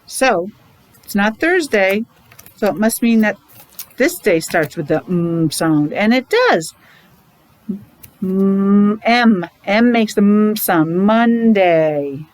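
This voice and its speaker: A middle-aged woman, likely a preschool or special education teacher, leads a morning meeting for young children with simple repeated phrases, questions and sounded-out letters. Her mid-range voice is expressive and slow.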